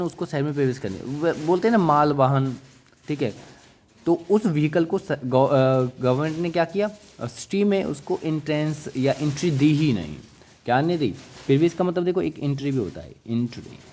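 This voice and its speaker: An English vocabulary teacher with a highish, darkish voice gives a classroom lecture at normal speed, animated, with slight background noise. He repeats words and quizzes listeners with question after question, coaxingly calling them brother and child.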